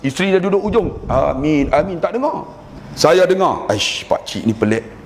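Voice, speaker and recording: A man's voice: fairly high pitch, sing-song, normal speed, slight background noise. A man with a Malaysian Malay accent preaching a sermon, telling stories animatedly and acting out prayers in a raised voice. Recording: long hall reverb.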